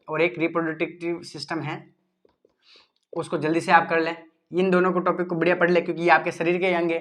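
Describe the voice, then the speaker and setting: Male teacher, fairly high voice, chatty repetitive study tips aimed straight at students. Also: a bit bright. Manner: informal, repetitive, addresses students directly. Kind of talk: exam-prep study advice lesson.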